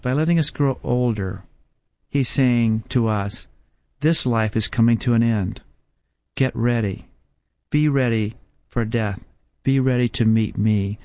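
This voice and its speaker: The sermon comes from a fifty-something Bible teacher whose mid-range voice has a dark tone and no echo. He proceeds slowly and with emphasis, asking one rhetorical question after another.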